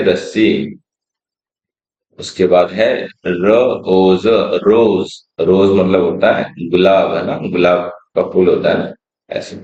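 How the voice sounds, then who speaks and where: A man with a low, darkish voice patiently teaches children phonics, spelling words out slowly letter by letter, explaining each one and giving its Hindi meaning. He checks in often with "theek hai," and the sound is roomy and slightly dull.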